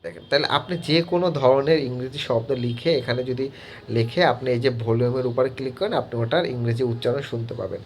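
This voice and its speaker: A man in a teacher's role talks students through a screen-recorded app tutorial at a middle pitch. He halts often and leans on filler words as he explains each step. A faint hum sits behind his voice. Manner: halting, heavy use of filler words.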